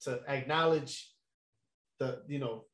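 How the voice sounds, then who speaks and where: A man's voice: mid-range voice, takes it slowly. A young man telling a long story in a casual chat, laid-back and slangy, with lots of fillers and laughs. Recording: echoey room.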